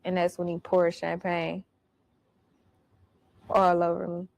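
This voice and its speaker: A woman's voice: lowish voice, monotone, takes it slowly, vocal fry, a little mellow, no room sound. A woman telling a personal story in casual, blunt, profane street slang. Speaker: storyteller recounting her experience.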